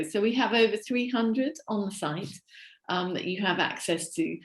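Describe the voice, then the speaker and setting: A woman from the platform team giving a webinar walkthrough while sharing her screen, steady and explanatory with filler ums. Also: mid-range voice, roomy sound.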